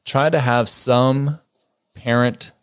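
A man in his forties, co-hosting a parenting podcast in a relaxed, conversational way with joking asides. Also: medium pitch, slow, clean tone, dry recording, studio quality. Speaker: podcast co-host and co-parenting educator. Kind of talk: casual podcast chat.

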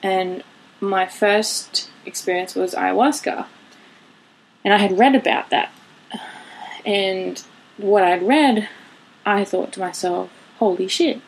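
A woman's voice: medium pitch, gravelly, husky, rough recording. A woman in her late twenties hosting her own podcast, talking candidly in a rambling way, laughing and swearing now and then. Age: 20s. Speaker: podcast host. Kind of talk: casual solo monologue.

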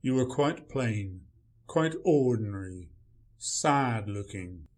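A man's voice: fairly low pitch, animated, slow, a little mellow. A man playing a grumpy male writer, dry, sarcastic and dismissive in a radio play. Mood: sardonic.

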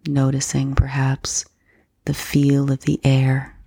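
Low, breathy woman guiding slow breath counting. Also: completely flat delivery, dry recording. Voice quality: soft, breathy, husky, often near whisper. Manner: slow, gentle, unhurried instruction with pauses. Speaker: meditation guide. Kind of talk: guided breath-counting meditation.

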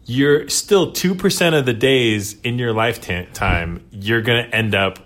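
A man's voice: mid-range voice, measured pace, fairly bright tone. A man co-hosting a podcast in casual chat, hesitant and full of fillers, laughing now and then. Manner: hesitant, many fillers, laughs while talking. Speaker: podcast co-host.

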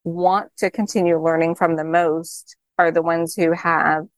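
A woman's voice: fairly low pitch, flat delivery, measured pace, dry recording. A woman hosting a conversational interview, thinking aloud and praising her guest with enthusiasm. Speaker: podcast host.

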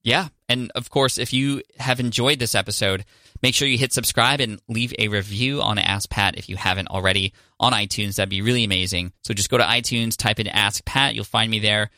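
A male podcast host with a fairly low but bright, forward voice, encouraging and full of praise. Recorded close and dry on a studio mic with no room sound. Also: fairly even intonation, fairly quick, no room sound. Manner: upbeat, encouraging, effusive. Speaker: podcast host and business coach. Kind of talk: podcast coaching interview and outro.

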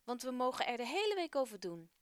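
An earnest young boy who loves inventing stories, in a children's radio tale, voiced by a woman storyteller. The voice is fairly high and dry. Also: very animated, fast, smooth, no echo. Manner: earnest, eager.

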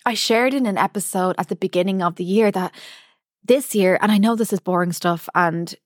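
A woman's voice: mid-range voice, fairly quick, dry recording. Woman podcasting, dry close sound. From United Kingdom. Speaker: podcast host, dietitian. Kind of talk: solo podcast talk addressed directly to the listener.

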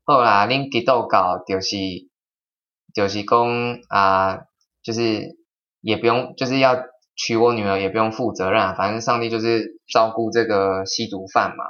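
A man's voice: lowish voice, fairly even intonation, sharp tone. A man imitating an irate, boastful elderly man who scolds and lectures. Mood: grumbling. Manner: grumbling, lecturing, slow and indignant. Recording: slightly dull lo-fi sound.

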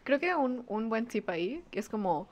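A woman's voice: on the high side, very animated, normal speed. A woman, co-hosting a podcast in casual chat, talking with many fillers and frequent laughs. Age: 20s. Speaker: podcast co-host.

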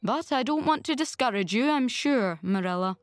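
An outspoken village busybody woman as a female narrator plays her for a storybook. She is judgmental and solemn, swinging expressively in pitch as she lays down emphatic opinions. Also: animated, moderate pace, dry recording, clean studio sound, lightly acted. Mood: gloomy.

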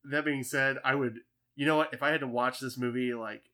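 A man's voice: mid-range voice, steady tone, a little fast, sharp tone. A man hosting a movie podcast, chatting enthusiastically and loosely, with swearing. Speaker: podcast host. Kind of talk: casual movie podcast chat.

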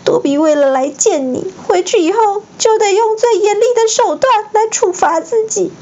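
A woman voicing a tearful, servile male house-elf with a shrill, squeaky voice, in a bedtime storybook reading. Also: moderate pace, darkish tone, muffled recording. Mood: anxious. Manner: wailing, overly deferential.

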